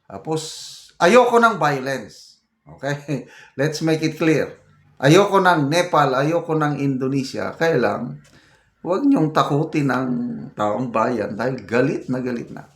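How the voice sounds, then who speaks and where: A man's voice: medium pitch, expressive, takes it slowly, long pauses. An older Filipino man, a retired general, giving casual political commentary, reading comments aloud and growing indignant. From Philippines. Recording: roomy echo.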